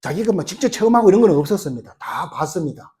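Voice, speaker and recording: A middle-aged man preaches a sermon and acts out the dialogue as he tells the story. His voice sits high and swings widely in pitch. The tone stays mellow and unforced. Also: fast. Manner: animated storytelling, acting out the quoted lines. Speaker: pastor.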